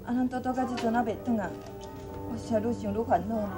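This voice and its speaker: An actress playing a worried young mother whose boy has gone missing, talking in a quick, anxious, pleading way. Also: fairly high pitch, fairly even intonation, over music, natural voice.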